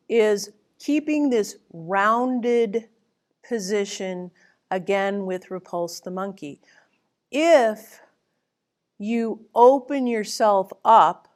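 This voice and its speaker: A woman teaching a tai chi class, giving calm, gentle step-by-step movement cues. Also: mid-range voice. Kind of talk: instructional movement lesson, spoken cues.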